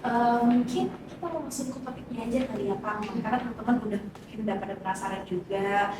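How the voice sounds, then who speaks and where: A woman's voice: on the high side, fairly even intonation, quick pace. Chatty young woman, distant and echoey. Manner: chatty, playful, self-deprecating. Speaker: co-host. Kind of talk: casual interview hosting. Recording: very echoey room, voice from far off, background noise.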